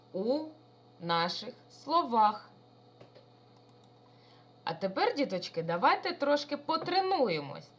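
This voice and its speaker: A woman's voice: mid-range voice, fairly bright tone. A woman primary school teacher giving a recorded lesson to young children, talking in an affectionate, sing-song way.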